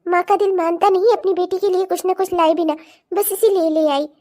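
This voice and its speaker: A woman's voice: very high-pitched, steady tone. A woman voicing a fond, protective middle-aged mother who speaks tenderly to her daughter. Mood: polite. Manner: tender, warm-hearted, quick to defend.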